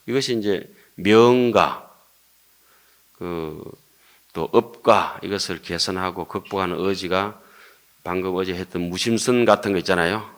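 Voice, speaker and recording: A man's voice: low-pitched, fairly bright tone. An older Buddhist monk with a Gyeongsang Korean accent giving an earnest dharma lecture, posing rhetorical questions and joking with his listeners.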